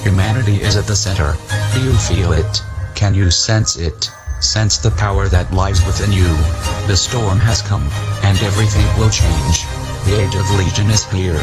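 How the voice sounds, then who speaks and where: A man whose voice is electronically deepened to disguise it, delivering a slow, ominous scripted declaration as an anonymous activist. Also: steady tone, faint music behind.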